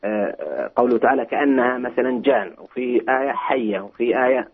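A man's voice: medium pitch, fast talker, crowd noise. A man from Saudi Arabia calls in over the phone to a religious program, asking questions hesitantly and restarting his phrases as he searches for words. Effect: heard over the phone. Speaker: caller to a religious call-in program. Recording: tinny phone line, husky.

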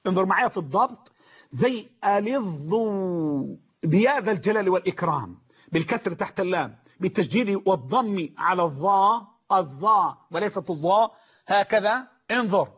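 A man with an Egyptian Arabic accent preaching a sermon, emphatic, repeating phrases and slowly drawing out quoted sayings. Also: high-pitched, animated, fairly bright tone, slightly rough. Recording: muffled lo-fi recording.

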